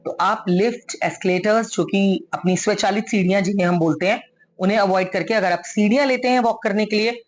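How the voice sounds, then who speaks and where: A woman's voice: medium pitch, fairly quick. A woman giving an earnest, coaxing motivational talk, mixing English phrases into her speech. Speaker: motivational speaker.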